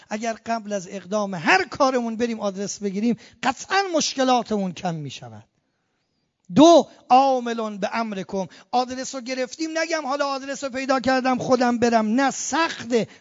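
A man delivering an impassioned sermon as a cleric, chanting verses slowly and rising to emphatic peaks. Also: sits high, darkish tone. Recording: muffled, long hall reverb.

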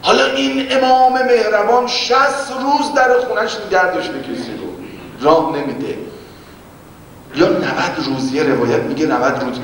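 A man preaching and retelling a religious story, swinging from loud exclamations to hushed whispers. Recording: echoey hall, distant mic, faint rumble.

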